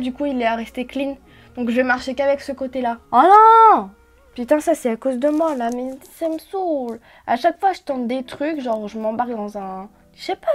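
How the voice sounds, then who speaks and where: A woman's voice: high-pitched, a little mellow. A young woman, chatting casually and mocking herself while she does her makeup. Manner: chatty, self-mocking, lots of fillers. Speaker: beauty vlogger.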